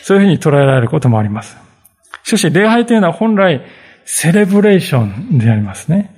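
A man's voice: fairly high pitch, very animated, fast talker, darkish tone, breathy edge. A male pastor giving a conversational sermon, reading scripture and explaining it with frequent fillers and asides.

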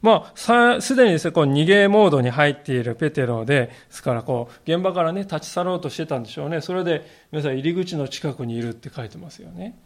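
A man's voice: a little high, expressive, fast talker, hardly any pauses. A male pastor giving a sermon in a conversational storytelling way, acting out the quoted lines.

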